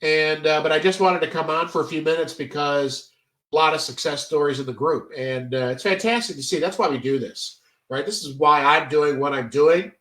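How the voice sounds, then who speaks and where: A man's voice: on the high side, moderate pace, fairly bright tone, roomy sound, far from the mic. A congested man giving a casual, chatty trading tutorial, full of fillers and stop-start phrasing. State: stuffy, congested. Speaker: trading educator. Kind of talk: casual screen-share tutorial.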